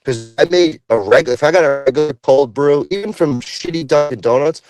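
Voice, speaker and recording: A man's voice: a little high, brisk, a little mellow, no echo. Man calling in, laid-back, dry sound, connection breaking up from bad service. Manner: laid-back, says "bro" and "like" a lot. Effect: call audio breaking up from bad phone service. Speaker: caller on a live stream. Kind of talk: casual chat. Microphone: phone call.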